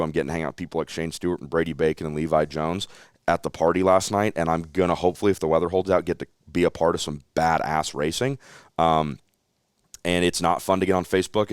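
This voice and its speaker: A man's voice: sits low, smooth, no echo, clean studio sound. A young man, a racing announcer, talking earnestly and reflectively as a podcast guest, livening up when he tells stories. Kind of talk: candid interview chat.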